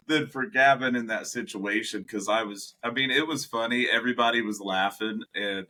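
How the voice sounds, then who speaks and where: A young man co-hosting a podcast, telling animated stories in casual chat, laughing often and acting out what people said. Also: mid-range voice, moderate pace. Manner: animated storyteller, laughs often, acts out quotes. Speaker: podcast co-host.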